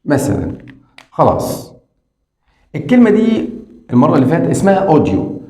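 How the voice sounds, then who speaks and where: A man with an Egyptian Arabic accent teaches English phonics to beginners, repeating sounds slowly and talking straight to the viewer. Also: on the high side, sing-song, warm tone, roomy sound. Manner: drills sounds slowly and repeats them, addresses the viewer directly.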